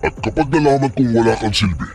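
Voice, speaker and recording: A man's voice: mid-range voice, animated, fast, darkish tone, faint music behind, natural voice. A man voicing a cruel, scheming male aswang chief in an audio drama who mocks and threatens a captive. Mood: taunting. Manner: taunting, threatening, mocking.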